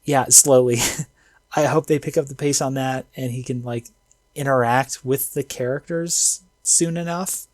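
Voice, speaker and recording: Excitable slangy man, dry close sound. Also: medium pitch, a little slow, no echo. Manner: excitable, slangy, filler-heavy. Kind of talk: casual anime review chat.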